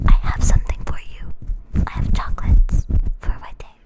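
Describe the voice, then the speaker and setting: A woman's voice: moderate pace, close to an everyday voice. A woman whispering a cutesy, welcoming young princess in a playful ASMR bit. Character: sweet young princess greeting a guest.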